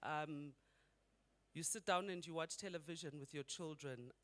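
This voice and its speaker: A man's voice: fairly high pitch, moderate pace, fairly bright tone. A middle-aged man from Zimbabwe giving a conversational conference talk and putting rhetorical questions to the audience. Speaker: conference speaker.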